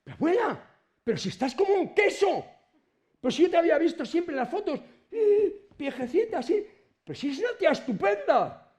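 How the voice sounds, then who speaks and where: A man's voice: sing-song, a little fast, darkish tone. A man doing a giddy, squealing grandchild. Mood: delighted. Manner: exclaiming, giddy, high-pitched. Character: overjoyed grandchild greeting a risen grandmother.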